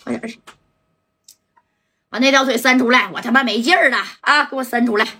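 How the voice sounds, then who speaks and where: Woman voicing a furious male gang boss, low, cursing, husky. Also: steady tone, fast, sharp tone. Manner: cursing, blunt, low-voiced orders.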